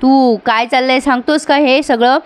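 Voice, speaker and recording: A woman's voice: high-pitched, fairly even intonation, moderate pace, clean tone, close to an everyday voice. A woman voicing a stern mother insistently questioning her grown son in a retold TV serial.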